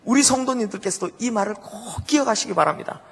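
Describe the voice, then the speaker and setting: A man's voice: very high-pitched, fast talker, gravelly, fairly bright tone, long reverb tail, slight background noise. A male pastor preaching a sermon, telling a story with animation and putting questions to the congregation. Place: church sanctuary.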